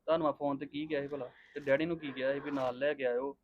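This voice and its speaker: A man's voice: medium pitch, flat delivery, fast talker, a little hiss or hum, close to an everyday voice. A man acting a husband in a family drama, sternly lecturing his mother-in-law. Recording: tinny phone-like sound.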